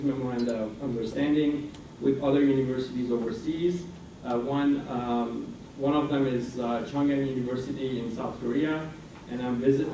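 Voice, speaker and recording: A man in his forties, Iranian American and raised in France, directs an international center and appears as a guest speaker before a student senate. His mid-range voice is picked up from far off, and he presents hesitantly, full of fillers and restarts. The setting is a university meeting room, captured as a noisy, roomy hall recording from a distance.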